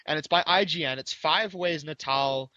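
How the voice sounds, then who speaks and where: A man's voice: on the high side, normal speed, sharp tone, dry recording, highs cut off. A man hosting a casual gaming podcast, chatting loosely with upbeat restarts. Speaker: podcast host. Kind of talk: casual chat.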